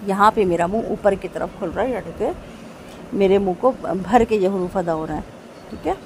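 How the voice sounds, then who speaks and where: A woman teaching Quran recitation, spelling out letters slowly and checking after each point. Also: mid-range voice, slight background noise, poor audio. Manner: patient, repeats each letter slowly and checks with "theek hai?". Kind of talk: tajweed lesson, spelling out letters.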